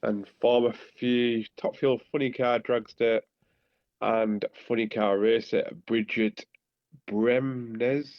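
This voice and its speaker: A man with a Teesside accent, co-hosting a podcast and reading out announcements in a casual, halting way. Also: mid-range voice, steady tone, dry recording. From Teesside, north-east England. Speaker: podcast co-host. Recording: slightly dull lo-fi microphone.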